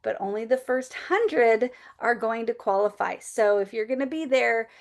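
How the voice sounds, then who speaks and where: A woman with a slightly higher voice hosts an online video call in a chatty, upbeat way. She talks casually through announcements before bringing on a guest. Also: moderate pace, gravelly. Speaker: host.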